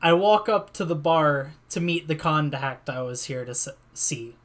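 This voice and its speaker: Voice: mid-range voice, expressive, a little slow. A player in a tabletop role-play session, playfully narrating a comic entrance for his character. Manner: playful, storytelling.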